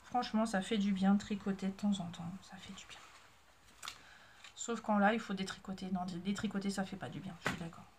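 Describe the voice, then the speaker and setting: A woman's voice: medium pitch, fairly even intonation, quick pace, hardly any pauses, darkish tone, slight background noise. A woman, a mother, chatting casually to her viewers in a rambling, self-mocking way with many fillers. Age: adult with a child. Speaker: sewing and knitting vlogger. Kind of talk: casual chat to camera.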